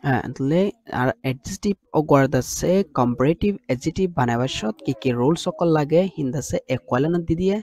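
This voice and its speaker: A man's voice: on the high side, fast, few pauses, a little mellow. A man teaching English grammar, explaining step by step and often checking that students follow. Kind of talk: lesson in a regional dialect mixing English terms.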